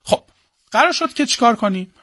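Man teaching, slowly chanting syllables. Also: very high voice, expressive, pushed and bright, no echo, clean studio sound. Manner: chants meter syllables slowly and dictates to students. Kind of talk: classroom lesson on Persian prosody.

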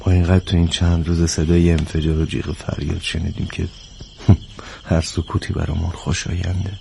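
An actor dubbing a cautious, worried male colleague who reasons calmly but fearfully. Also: low voice, creaky, slight background noise. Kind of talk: dubbed film acting.

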